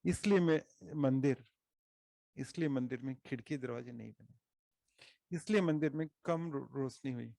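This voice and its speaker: A man with an Indian accent giving an earnest explanatory talk to a study group, working through his points slowly and asking questions he then answers. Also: medium pitch, creaky, mellow, no room sound. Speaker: speaker at a study circle meeting.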